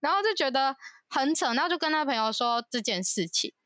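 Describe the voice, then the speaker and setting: A young woman co-hosting a podcast, telling a friend's relationship story in an animated, indignant, gossipy way. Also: high voice, fairly quick, no echo, clean studio sound. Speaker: podcast co-host. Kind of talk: casual chat, storytelling.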